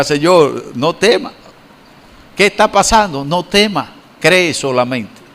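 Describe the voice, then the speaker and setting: A middle-aged man, preaching a sermon and telling a personal story in an animated way. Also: sits high. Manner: animated storytelling, voices the characters in his anecdote and laughs as he tells it. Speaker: pastor.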